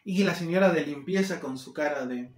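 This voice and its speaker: A man with a Mexican accent telling a casual storytime, animated and acting out the people he quotes. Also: fairly high pitch, fairly quick. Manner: animated, acts out quoted people in shifting voices. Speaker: vlogger. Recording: roomy echo.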